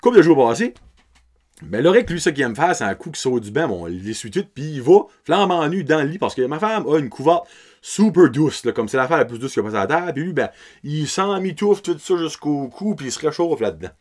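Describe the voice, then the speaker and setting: With a fairly high, somewhat mellow voice and wide pitch swings, this thirtysomething Acadian French podcast host speaks a little fast. He recounts a story casually, laughing as he goes and mixing English words into his French.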